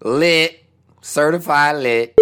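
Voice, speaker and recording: A man's voice: slow, clear, resonant tone. A young man chatting casually and jokingly on a wrestling podcast, using slang and swinging his voice around for effect. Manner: animated, jokey, slangy, with big pitch swings. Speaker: podcast co-host.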